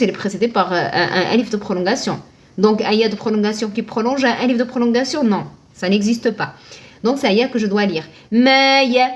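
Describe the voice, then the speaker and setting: A woman teaching Arabic reading live online, patient, posing questions and answering them herself, thanking viewers by name. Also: on the high side.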